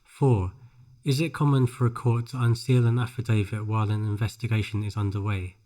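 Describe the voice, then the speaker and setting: A man reads scripted narration for a pronunciation drill, phrase by phrase, with careful, measured enunciation. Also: lowish voice, mellow. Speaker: English shadowing practice narrator.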